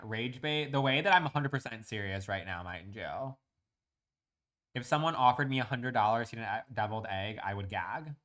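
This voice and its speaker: A man's voice: medium pitch, animated, moderate pace, fairly bright tone. A young man chatting casually while streaming a building game, ranting in crude, profane comic bits and reacting to chat.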